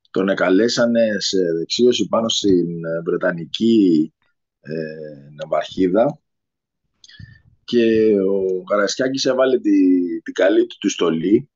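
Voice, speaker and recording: A man speaking as a guest on a talk radio show, hesitant and full of filler sounds, with a husky voice. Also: low-pitched, darkish tone. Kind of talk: unscripted radio conversation. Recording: lo-fi radio recording.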